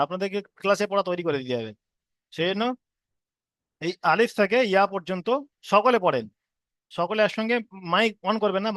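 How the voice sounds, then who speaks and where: High-voiced man chanting letter drills. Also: a bit bright, no room sound, studio quality. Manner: drawn-out chanted letter drills between quick explanations. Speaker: Quran reading teacher. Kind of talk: online class instruction. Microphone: own microphone on an online call.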